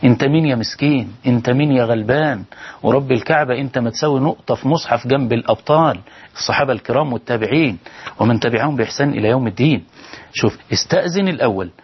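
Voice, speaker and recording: A man's voice: mid-range voice, rapid-fire, breathy edge, highs cut off. A man with an Egyptian accent preaching on a televised call-in show, pleading and firing rhetorical questions at his listeners. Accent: Egyptian Arabic. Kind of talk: televised sermon with callers.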